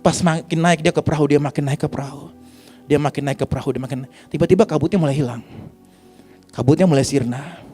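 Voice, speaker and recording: A man's voice: medium pitch, warm tone. A man preaching a sermon, telling a story with emphatic repetition of phrases. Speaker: evangelist preacher.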